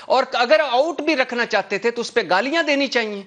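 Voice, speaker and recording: A man's voice: very high voice, fairly bright tone. A man speaking as a political commentator on a TV talk show panel, impassioned and repetitive, with many filler sounds and restarts. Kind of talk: heated TV talk show debate.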